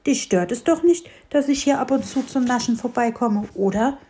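A woman's voice: on the high side, expressive, moderate pace, mellow, breathy edge, pitched above the performer's own voice. Easygoing honey-loving storybook bear, friendly; woman narrator. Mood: contented. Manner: easygoing, contented.

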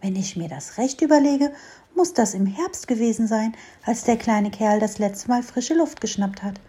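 A woman voicing a small, curious young fir tree in a storybook reading, eager and bright-voiced. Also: a little high, lively intonation, normal speed, natural voice.

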